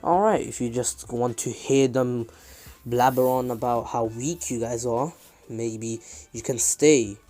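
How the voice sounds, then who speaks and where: A man's voice: medium pitch, measured pace, mellow, natural voice. Naruto, a man doing a cocky teen ninja. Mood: defiant. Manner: taunting, blunt. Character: brash cocky teenage boy ninja.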